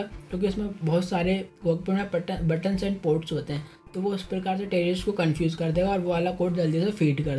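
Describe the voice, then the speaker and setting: Here a man with a high, mellow voice hosts an informal explainer, calling his audience friends and repeating his points as he goes. There is faint music in the background.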